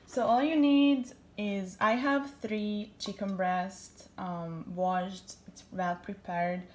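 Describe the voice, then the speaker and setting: A woman's voice: medium pitch, steady tone, takes it slowly, a little mellow, slight background noise. Chatty young Hungarian woman cooking. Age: young adult. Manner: chatty, enthusiastic, fillers like "like" and "uh". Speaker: cooking vlogger. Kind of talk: casual cooking tutorial.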